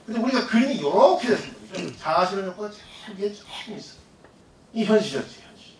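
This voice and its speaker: A middle-aged man giving a public lecture, animated and asking the audience questions. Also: sits high, fast, gravelly, a little hiss or hum. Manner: animated, asks the audience questions, acts out quoted people. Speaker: guest lecturer. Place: lecture hall. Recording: echoey hall, distant mic.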